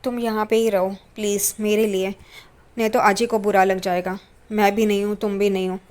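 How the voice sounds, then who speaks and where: A woman's voice: medium pitch, flat delivery, moderate pace, a little mellow, close to an everyday voice. A woman voicing an earnest young husband who pleads with his wife, read out in a retelling. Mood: pleading. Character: young husband apologizing before a trip.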